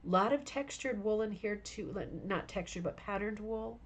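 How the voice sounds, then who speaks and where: With a medium pitch, a moderate pace, and slight background noise, a woman leads a live-stream show-and-tell for her rug hooking club. Though tired and losing her voice, she rambles enthusiastically and speaks to viewers by name.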